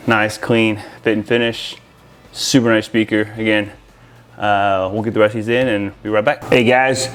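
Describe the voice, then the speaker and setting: A man with a smooth, lowish voice speaks informally to viewers as an audio-video installer. He walks them through a product demo in a relaxed way, calling them "guys."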